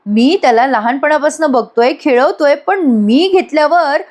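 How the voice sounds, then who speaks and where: A woman's voice: sits high, moderate pace, darkish tone, voice pushed up, close to an everyday voice. A woman voicing a cheerful young man who chats fondly about a baby. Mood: amused.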